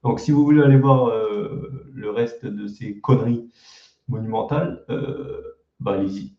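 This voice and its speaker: Mocking young man with a mellow voice. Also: on the low side, a little slow, reverberant, muffled recording. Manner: mocking, crude slang, self-deprecating. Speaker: YouTuber reacting to his old videos. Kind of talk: casual reaction commentary.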